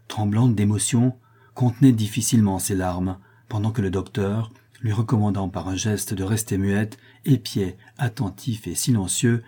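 A man narrates a classic novel in a measured, expressive manner. His voice is low and dark with a husky grain, and he takes the sentences at a steady pace. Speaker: audiobook narrator.

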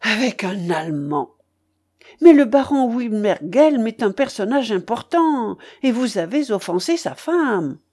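A stiff, majestic general demands answers with lofty indignation, as a woman reader puts him on. His voice is mellow and slow, rising and falling with plenty of swing. He is heard in an audiobook reading. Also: on the high side, very animated, slightly rough, full character voice. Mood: indignant. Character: stern middle-aged male general, pompous.

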